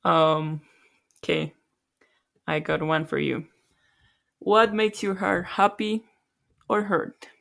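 Soft, gravelly-voiced woman from Colombia. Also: fairly low pitch, little pitch movement, slow, pauses often. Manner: soft, self-deprecating, reflective. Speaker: podcast co-host. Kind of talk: casual podcast chat.

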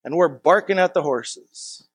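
A man's voice: on the high side, a little slow, slightly rough, no room sound. A man preaching to a congregation in a church, in a chatty, folksy way with stories and asides. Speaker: pastor. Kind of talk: conversational sermon.

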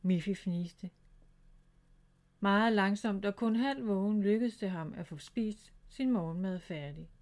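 A woman's voice: medium pitch, a little mellow. Woman reading a bedtime storybook. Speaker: storybook reader. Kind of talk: reading a children's story aloud.

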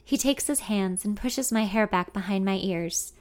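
A young adult woman narrating a first-person story in an intimate, expressive way. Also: mid-range voice, moderate pace.

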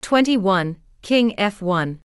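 A woman's voice: mid-range voice, lively intonation, slow pace, clean tone, dry recording, studio quality. A woman reading out chess notation from a script in clipped announcements, move by move. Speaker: reader of chess moves.

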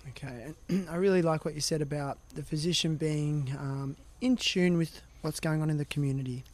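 Chatty higher-voiced podcast host. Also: male voice, normal speed. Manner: chatty, thinks aloud in long rambling questions. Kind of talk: casual interview chat.

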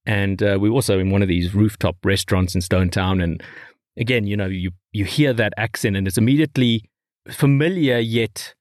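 A middle-aged man, telling stories in a rambling, animated way as a podcast co-host. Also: lowish voice, a little fast, no echo, clean studio sound. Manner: animated storyteller, rambling with restarts. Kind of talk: casual chat.

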